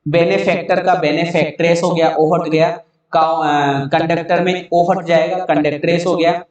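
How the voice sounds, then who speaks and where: A man's voice: on the high side, level tone, normal speed, a little mellow, very echoey, recorded from a distance, dull audio. A man teaching an online English grammar lesson, spelling words out letter by letter and answering his own questions.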